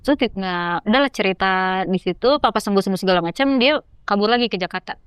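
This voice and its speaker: Quick, animated young woman storyteller. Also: mid-range voice, clear, resonant tone, no room sound, clean studio sound. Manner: lively, acts out quoted dialogue. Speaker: podcast guest. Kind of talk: casual storytelling chat.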